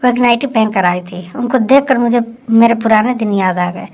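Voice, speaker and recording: Woman narrator for a spoken story, even and steady. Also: fairly high pitch, moderate pace. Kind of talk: scripted first-person story narration.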